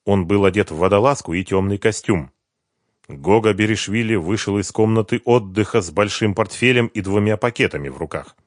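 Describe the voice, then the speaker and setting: A man reading a novel aloud as narrator in an even storytelling manner. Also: fairly low pitch, a little fast, no room sound, clean studio sound. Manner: even storytelling, voicing all characters. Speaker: audiobook narrator. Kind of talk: scripted narration.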